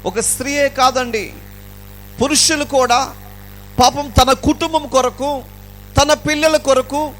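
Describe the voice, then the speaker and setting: A male pastor preaches at an evening gospel meeting, his voice pitched unusually high. He builds his sermon from repeated, rhythmic phrases and delivers it with fervor. A faint electrical hum runs underneath. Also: fairly even intonation, a little slow, long pauses, fairly bright tone. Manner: impassioned preaching with rhythmic repetition.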